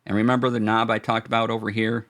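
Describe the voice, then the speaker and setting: The clip is a halting, relaxed live-stream gear demo by a man with a low voice, riddled with fillers and restarts. He greets the chat warmly while speaking through a studio dynamic mic.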